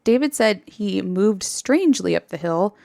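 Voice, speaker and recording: A woman podcast host retelling a story in casual chat, animated and laughing often. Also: mid-range voice, unhurried, gravelly, dry recording, studio quality.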